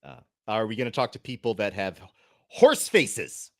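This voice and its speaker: A man's voice: lowish voice, fairly even intonation, fast talker, gravelly. A man co-hosting a podcast in casual chat, with jokey banter. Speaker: podcast co-host.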